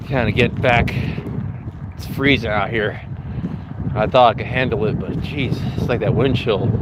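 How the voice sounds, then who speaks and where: An American man giving a casual, off-the-cuff film review outdoors, halting often as he searches for words. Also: medium pitch. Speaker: vlogger reviewing films. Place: outdoors in the cold countryside. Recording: windy outdoor microphone, loud wind noise. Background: strong wind.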